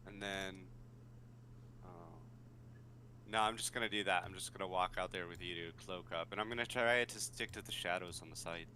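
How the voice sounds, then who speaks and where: A man with a fairly low but bright voice, playing a tabletop game. He thinks aloud and hesitates as he picks his moves, with faint background noise behind him. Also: steady tone, normal speed. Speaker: player.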